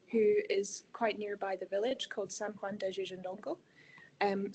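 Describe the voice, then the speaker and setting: A woman walks through a presentation agenda on a video call. She speaks steadily and methodically at a middle pitch, with a faint hiss of noise behind her. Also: rough recording. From Scotland. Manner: steady, organized, opens with ums. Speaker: intern presenting a project.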